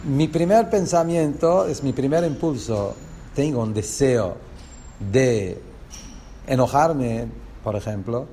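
A man with a Rioplatense Spanish accent leads a lesson on a religious text, in a voice of ordinary middle pitch. He explains patiently, point by point, often turning to his listeners with rhetorical questions. A faint hiss of noise sits under the recording. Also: mellow. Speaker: religious teacher.

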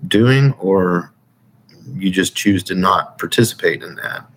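Deep-voiced and slow, with a fairly bright tone, a military veteran speaks as an interview guest. He shares personal testimony in an informal, earnest, casual way, repeating phrases as he circles back. The low-quality recording has a bit of hiss or hum.

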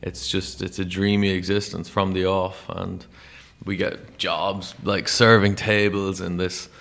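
Gravelly Irish man telling a story. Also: deep voice, a little slow. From Ireland. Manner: rambling, animated storyteller with many "like"s. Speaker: guest, musician. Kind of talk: casual storytelling interview.

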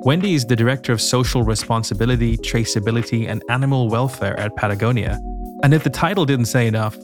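Speaking fast over music, the man hosting this podcast has a medium-pitched voice. His delivery blends a scripted introduction of his guest with relaxed chat and thoughtful stories.

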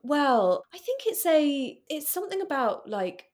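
A woman's voice: high-pitched, sing-song, measured pace, darkish tone. An English woman talking about her work in a casual interview, chatty, with many fillers. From England. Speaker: guest, floral artist.

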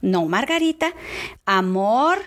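A woman voicing a tender husband gently coaxing his quiet wife to talk, in her own everyday voice. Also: medium pitch, very animated, takes it slowly, voice pushed down.

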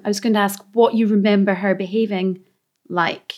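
A woman's voice: mid-range voice, steady tone, normal speed, a little mellow. A woman hosting an interview, introducing her guest and asking short, attentive questions. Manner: brief, attentive affirmations.

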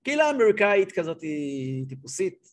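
A man with a high-pitched voice teaches a religious class as a rabbi. He tells stories with gusto, acts out the scenes and repeats words as he builds to the point. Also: sing-song. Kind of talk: lively storytelling lesson.

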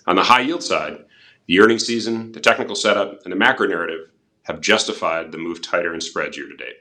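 Man, very low bright voice, finance podcast host, scripted commentary, businesslike. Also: brisk. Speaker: podcast host, portfolio manager.

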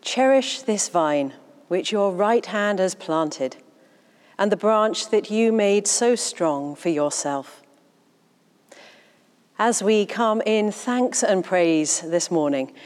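A woman priest leading a church service with a measured, formal delivery, her voice ringing in a long church echo. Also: mid-range voice, animated, darkish tone. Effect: long church echo around the voice. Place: large church interior. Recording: reverberant church hall sound.

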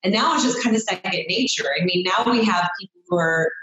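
A woman's voice: mid-range voice, quick pace, a bit bright. A woman in her thirties, a chiropractor guest on a podcast, chatting casually and rambling with lots of "I mean" and "you know". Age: 30s. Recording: very echoey room.

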